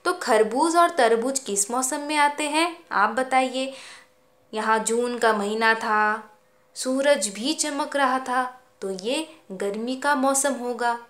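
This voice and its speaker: A woman schoolteacher patiently teaching young children, stretching out each word slowly for them to repeat. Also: fairly high pitch, a bit bright. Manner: slow, drawn-out word-by-word pronunciation drills; patient, explaining and asking children questions. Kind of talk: Hindi phonics lesson for young children. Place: school classroom. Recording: echoey room.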